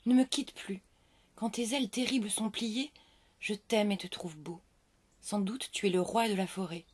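A woman voicing a gentle, pleading female rose in a storybook reading, speaking softly and tenderly. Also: mid-range voice, normal speed, a little hiss or hum, close to an everyday voice.

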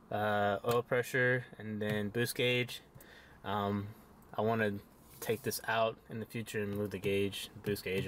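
A man's voice: lowish voice, a bit bright, slight background noise. A young man vlogging outdoors, talking casually through his car's parts with lots of fillers and the odd swear word. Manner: laid-back, many fillers, casual swearing. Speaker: car vlogger. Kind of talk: casual walkaround car review. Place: outdoors behind a shopping store.

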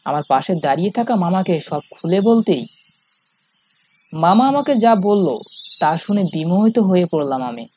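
A man's voice: sits high, big pitch swings, moderate pace, a little hiss or hum. A man narrating a scripted first-person horror story in a suspenseful, dramatic manner. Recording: dull lo-fi sound, music behind. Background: loud music.

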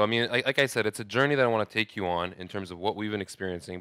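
A man's voice: on the low side, bright, forceful tone, clear, resonant tone, no room sound, clean studio sound. A man in his thirties from Saudi Arabia, giving a conversational conference talk with frequent restarts and fillers. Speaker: conference speaker. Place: large hotel ballroom, indoors.

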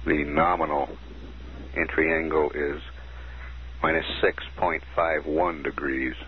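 A man giving formal, businesslike mission status announcements, reading out figures in a measured way, heard through a muffled radio transmission. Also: a bass voice, little pitch movement. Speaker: mission control commentator. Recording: dull 1969 archive broadcast, faint hiss.

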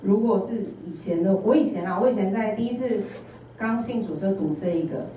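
A woman's voice: medium pitch, a little fast, slight background noise. A woman with a Taiwanese Mandarin accent giving a sermon as an intern preacher, telling humorous personal stories and acting out bits of dialogue. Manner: animated storytelling with humorous personal anecdotes and acted-out dialogue. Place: church sanctuary. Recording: echoey church hall, voice from a distance.

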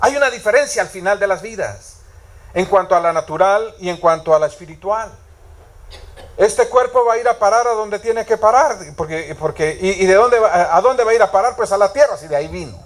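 A man delivers a sermon in a high-pitched voice. He tells stories and often turns to ask his listeners questions. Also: lively intonation, brisk. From Latin America. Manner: storytelling, asks the congregation questions. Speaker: preacher.

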